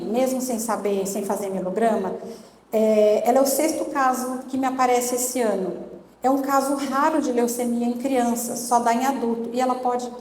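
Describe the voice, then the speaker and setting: A woman's voice: on the high side, darkish tone. A middle-aged woman giving an emotional testimony as a sermon, telling her story earnestly and acting out the dialogue. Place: church conference hall. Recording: echoey church hall with faint noise.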